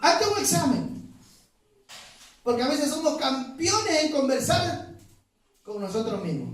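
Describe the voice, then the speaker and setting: A male pastor preaching a sermon, emphatic, asking the congregation questions. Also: very high voice. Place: church. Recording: echoey church hall from far off.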